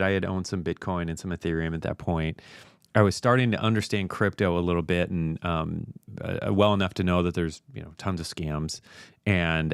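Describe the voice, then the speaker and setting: Low-voiced man chatting on a live stream. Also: clean tone, no echo, studio quality. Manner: relaxed, chatty, many fillers. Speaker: host. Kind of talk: casual live-stream talk.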